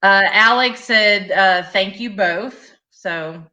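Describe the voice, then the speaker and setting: A woman's voice: medium pitch, slow, bright, forceful tone, slight background noise. A woman hosting a live stream, reading viewer comments aloud and chatting agreeably. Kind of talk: casual live-stream chat.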